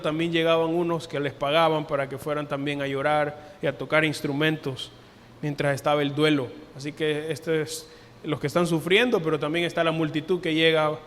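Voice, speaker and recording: A man preaching a sermon as pastor, earnest, lifting his voice for emphasis and dropping it softly for quoted words. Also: a little high. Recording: long hall reverb.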